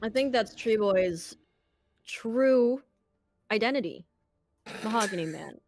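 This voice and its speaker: A woman's voice: a little high, expressive, slow, a little mellow, dry recording, soft background music. A woman casting a live esports match, with playful, giggly banter between calls. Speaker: esports caster.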